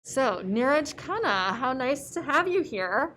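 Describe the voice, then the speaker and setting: A woman's voice: sits high, very animated, a little slow, pushed and bright. A young woman interviewing a guest, asking questions in a friendly, upbeat way. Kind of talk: conversational interview.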